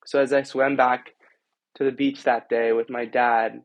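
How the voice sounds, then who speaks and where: A man's voice: medium pitch, flat delivery, unhurried, vocal fry, no room sound, poor audio. Young man telling a heartfelt story. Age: young adult. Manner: earnest, heartfelt. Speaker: student panelist. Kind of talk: personal storytelling.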